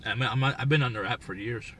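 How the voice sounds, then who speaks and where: A livestream host with a medium-pitched, somewhat bright voice chats fast and offhandedly with viewers while eating, talking with his mouth full. The mic is distant, with faint background noise.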